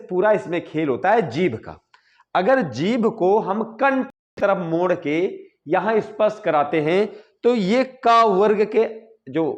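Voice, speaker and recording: A male teacher talks through a lesson in a high voice that swings up and down a lot. He is patient and methodical, sounding out syllables one at a time. He checks in with his students after nearly every point. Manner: explains patiently, checks in with "ठीक है" often, sounds out syllables slowly. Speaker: Hindi grammar teacher. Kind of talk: classroom-style explanation.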